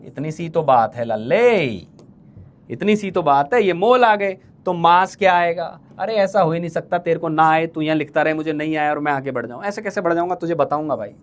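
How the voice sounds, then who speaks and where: In this live online lecture for exam prep, a chemistry teacher with a high voice keeps repeating his questions and affectionately teases his students, calling them playful names. His speech is fast and chatty, typical of a coaching-class teacher.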